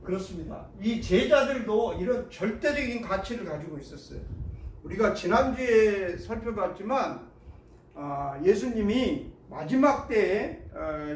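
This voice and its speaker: A male pastor preaching a sermon, telling the story in a lively way and acting out the voices of the people in it. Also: high voice, distant mic. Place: church sanctuary. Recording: echoey hall, mic from afar.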